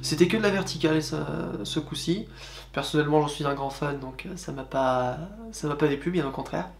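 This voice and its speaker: A man's voice: fairly high pitch, fairly quick. A man casually recounting an outing in a vlog. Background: music.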